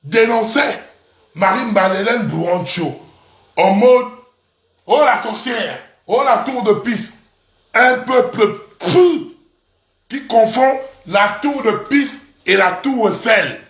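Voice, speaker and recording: A man's voice: sits high, slow pace. Crude mocking male ranter, echoey room. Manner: provocative, crude, repeats syllables for emphasis. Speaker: online commentator. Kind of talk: mocking rant to camera.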